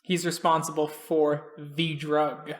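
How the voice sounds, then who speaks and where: A man narrating a tabletop game as game master, in a dramatic, drawn-out way. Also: on the high side, little pitch movement.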